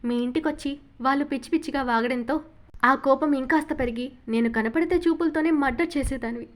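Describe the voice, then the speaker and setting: A woman's voice: sits high, brisk, natural voice. A woman voicing a young man, an ardent and tender loving husband, in an audiobook novel reading, with a fond, coaxing manner. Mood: teasing.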